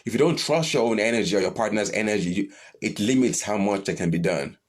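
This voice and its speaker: A man delivers a live-streamed spiritual teaching and answers questions as they come in. He is blunt and animated, swears freely, and his voice leaps upward whenever he stresses a point. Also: lowish voice, fast talker.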